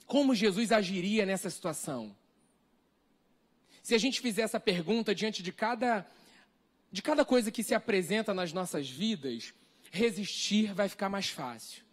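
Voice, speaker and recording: A man's voice: high-pitched, lively intonation, normal speed, husky. A man with a Brazilian accent preaching a sermon, earnest and full of repeated rhetorical questions. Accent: Brazilian Portuguese. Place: church hall, live stream.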